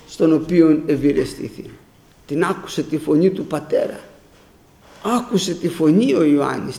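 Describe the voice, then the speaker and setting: A male preacher delivers a sermon, repeating phrases for emphasis and weaving in scripture. His voice sits high and has a gravelly edge. The room around him is echoey. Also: darkish tone. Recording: roomy echo.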